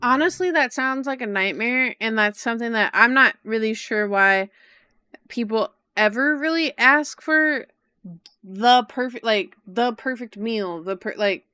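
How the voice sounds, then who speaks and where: A woman's voice: on the high side, a little slow, pushed and bright, smooth, dry recording, studio quality. A woman livestreamer giving casual reactions to a video, chatty and thinking aloud.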